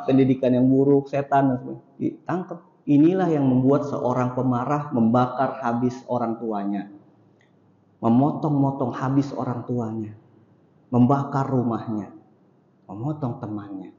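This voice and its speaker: Male Islamic teacher, mellow voice, dull lo-fi recording, lecturing and restating every point. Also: mid-range voice. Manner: repeats each point for emphasis. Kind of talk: mosque study lecture. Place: mosque hall. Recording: echoey hall, dull lo-fi sound.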